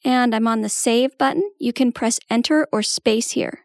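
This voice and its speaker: A woman's voice: fairly high pitch, moderate pace, gravelly, a little mellow, no room sound, studio quality. A woman giving a patient, step-by-step tutorial walkthrough as a trainer. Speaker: assistive technology trainer.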